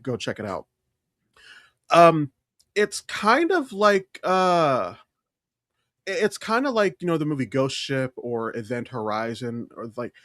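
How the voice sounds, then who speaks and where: In a dry, studio-quality recording, a male podcast co-host speaks in a mid-range voice. He explains things casually and emphatically, sounding like an opinionated, enthusiastic fan.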